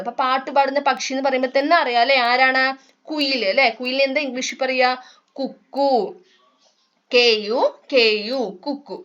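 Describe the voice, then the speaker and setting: Malayali lady teacher going over a kids english lesson, reads english slow then explains, kinda higher voice, a bit lo-fi. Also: a bit bright.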